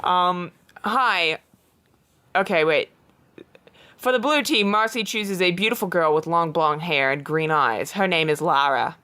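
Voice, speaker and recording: A woman's voice: fairly low pitch, unhurried, pushed and bright. A woman podcast host with an informal, giggly manner, chatting casually and reading a storybook aloud.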